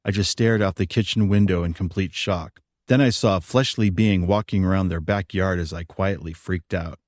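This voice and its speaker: A man's voice: sits low, moderate pace, a little mellow, no echo, clean studio sound. A man narrating his own memoir in a plain, reflective storytelling manner.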